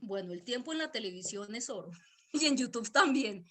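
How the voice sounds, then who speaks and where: A woman's voice: on the high side, lively intonation, moderate pace, sharp tone. A woman with a Boyacá Colombian accent preaching a virtual church sermon, emphatic, repeating key words and putting questions to her listeners.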